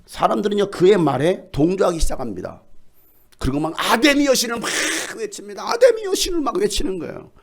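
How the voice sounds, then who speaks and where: A male pastor preaching a lively sermon, joking with the congregation and shouting. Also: sits high, fairly quick, creaky. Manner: animated, shouts and jokes with the congregation. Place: church sanctuary.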